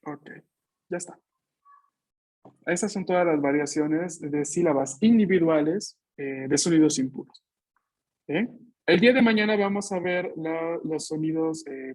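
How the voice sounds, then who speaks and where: Over a video call, a man teaches an online Japanese class, explaining things patiently and modeling sounds slowly so his students can repeat them. He frequently closes phrases with tag questions, and his voice is somewhat high and a bit mellow.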